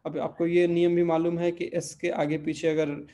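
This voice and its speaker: Male language teacher, patient and repetitive, drills word endings, mellow tone. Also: on the high side, level tone. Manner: patient, repeats word forms slowly, checks in with "ठीक है". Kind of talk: online language lesson.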